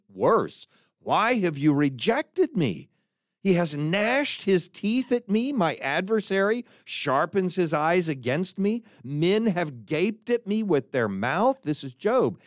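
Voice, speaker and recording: Male preacher, high lively voice with wide swings, dry close recording, reads scripture with emphasis. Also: no room sound. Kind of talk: sermon on scripture.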